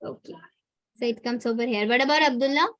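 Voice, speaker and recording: A young online teacher with an Indian English accent gives her students a chatty motivational talk during a live class, checking in with "right?" along the way. Her voice is a little high, fairly bright, and quick.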